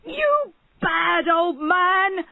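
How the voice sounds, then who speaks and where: A woman shouting as a frantic barber. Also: big pitch swings, extremely slow, vocal fry, dry recording, heavily acted. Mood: accusing. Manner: shouting, high and strained. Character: frantic, loud male barber.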